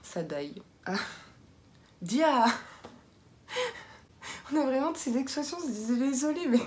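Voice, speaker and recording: A woman's voice: high-pitched, a little fast, slight background noise. A young woman from southwest France, with a light southwestern French accent, chatting playfully to camera as a vlogger. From southwest France (Béarn). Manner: chatty, playful, lively asides. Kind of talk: casual chat to camera.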